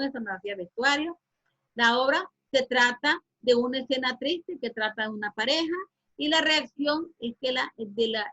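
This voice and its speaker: A woman teacher runs an online class, asking her students questions while hesitating often with fillers and restarts. Her voice is on the high side and fairly bright, heard through a video-call microphone as muffled, lo-fi audio.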